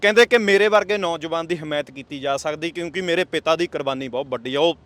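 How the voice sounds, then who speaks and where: A man's voice: on the high side, quick pace, fairly bright tone. A man interviewing a candidate, asking pointed questions in a formal, respectful tone. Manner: formal, respectful address, frequent murmured backchannels.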